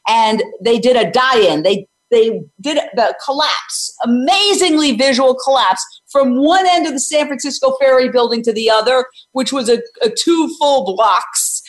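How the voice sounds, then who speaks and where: Hosting an interview, a woman in her sixties speaks in a high-pitched voice, unhurried but with hardly any pauses. She used to be a news reporter and is an animal rights activist, and her talk is energetic and emphatic advocacy. Many of her questions are ones she answers herself.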